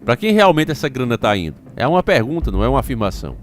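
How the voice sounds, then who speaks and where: A man's voice: medium pitch, big pitch swings, rapid-fire, slight background noise. Opinionated male news commentator. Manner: reads news excerpts aloud, then comments with repeated rhetorical questions; addresses listeners as "meus irmãos". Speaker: channel host commenting on news.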